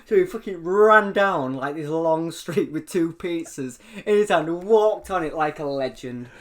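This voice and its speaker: A young man tells stories on a casual chat show. He is lively and animated, breaks into laughter often and swears without a second thought. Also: a little high, a little slow. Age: 20s. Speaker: podcast co-host.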